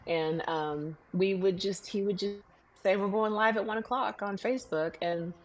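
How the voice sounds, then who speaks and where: A woman guest on a worship podcast, telling her story in an earnest, emotional way, often halting and restarting. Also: mid-range voice, low-quality recording. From United States. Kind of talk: reflective interview storytelling.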